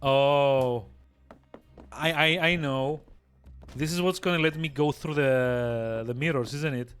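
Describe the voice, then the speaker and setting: A man's voice: medium pitch, slow, a bit bright, smooth, soft background music. A man giving casual let's play commentary, musing aloud and repeating words as he thinks. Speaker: video game player and commentator.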